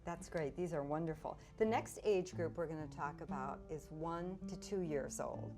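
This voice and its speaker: A woman's voice: low-pitched, moderate pace, mellow, faint music behind. A woman hosting an interview, putting prepared questions to a guest and introducing each part. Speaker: interview host. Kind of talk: scripted-sounding interview questioning.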